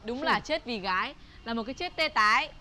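A woman's voice: on the high side, animated, a little fast, noisy background, close to an everyday voice. An actress playing a blunt, sarcastic young woman, delivering cutting retorts. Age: young adult. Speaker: actress in comedy sketch.

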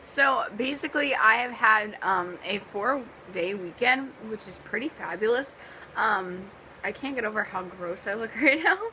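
A woman's voice: mid-range voice, animated, measured pace, bright, forceful tone, a little hiss or hum, low-quality recording. A young woman from the US East Coast with a sore, partly lost voice, chatting casually in a vlog and rambling with lots of ums and likes. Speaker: vlogger.

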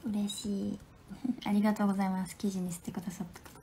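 A woman in her twenties with a Hakata accent, chatting casually on a phone livestream at home, playful and quick to laugh. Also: medium pitch, little pitch movement, warm tone, slight background noise. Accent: Hakata dialect. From Fukuoka, Japan. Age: 20s. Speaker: livestream host. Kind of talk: casual livestream chat reading viewer comments.

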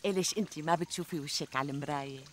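An actress playing a flattering, reassuring middle-aged Syrian friend who talks emphatically in a TV comedy. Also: female voice, low voice, rapid-fire, close to an everyday voice. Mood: coaxing. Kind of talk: conversational TV comedy sketch acting. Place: outdoors in a garden. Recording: outdoor ambience, trickling water noise.

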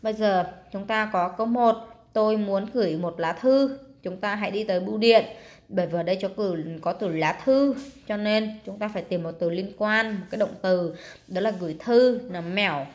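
A woman's voice: medium pitch, moderate pace, a little mellow. A woman teaching, walking through workbook exercises step by step, drawing out words and stressing syllables, with many fillers. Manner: explains step by step with frequent fillers. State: tired. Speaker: English teacher. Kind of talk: workbook lesson walkthrough.

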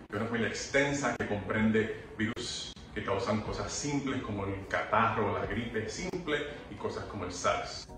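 A man hosting an educational health event, reading a steady, informative scripted narration. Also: lowish voice. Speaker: host. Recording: roomy, distant, music underneath. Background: music.

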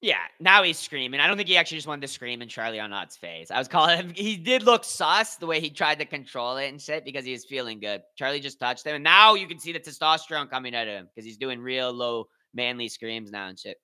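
A man's voice: medium pitch, lively intonation, fast talker, few pauses, bright, forceful tone. A man hosting a live watch-party stream, commenting casually in loose slang and reading out and answering his chat.

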